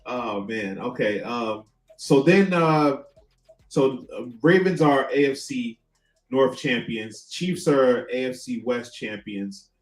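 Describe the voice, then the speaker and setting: A middle-aged man hosting a casual sports chat, talking haltingly with lots of fillers. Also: medium pitch, expressive, reverberant, rough recording. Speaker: host.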